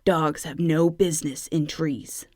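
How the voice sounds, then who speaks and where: A woman's voice: mid-range voice, unhurried, a little mellow, no echo, natural voice. Storybook casting: woman voicing a dry, grudging cat dad, plain mid voice. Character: sour, reserved cat father.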